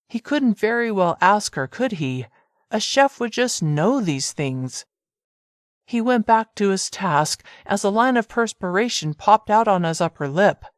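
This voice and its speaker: A narrator reading a romance audiobook in an even, measured storytelling manner. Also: female voice, on the low side, no room sound, clean studio sound. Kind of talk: scripted narration.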